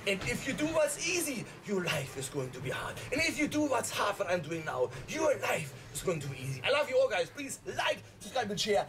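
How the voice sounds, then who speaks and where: A man's voice: high-pitched, big pitch swings, brisk, few pauses, fairly bright tone, faint music behind. A middle-aged man speaking while sitting in ice cold water, giving emphatic, repetitive motivational exhortations to the camera like a vlog host. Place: outdoor balcony, inside a tub of ice water.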